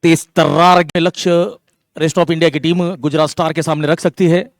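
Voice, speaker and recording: A man giving live ball-by-ball cricket commentary, with excitable, drawn-out calls on the big moments. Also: fairly high pitch, no room sound, studio quality.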